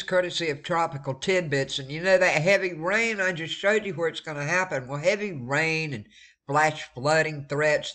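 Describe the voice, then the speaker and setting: A weather vlogger from eastern North Carolina gives a friendly, casual forecast over maps, his stuffed-up nose coloring a fairly high, pushed, bright voice. He repeats words for emphasis and warns listeners to stay safe.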